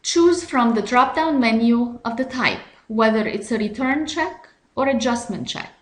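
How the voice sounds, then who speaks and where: Here a woman with a fairly high voice narrates software instructions slowly and methodically, speaking expressively yet in a measured, instructional manner. The recording carries a noticeable roomy echo.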